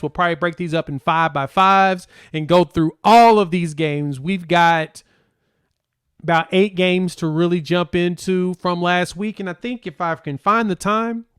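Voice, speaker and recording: A man's voice: high-pitched, smooth, no room sound, clean studio sound. A young man hosting a casual solo sports talk podcast, chatty and rambling with a sing-song delivery. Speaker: podcast host.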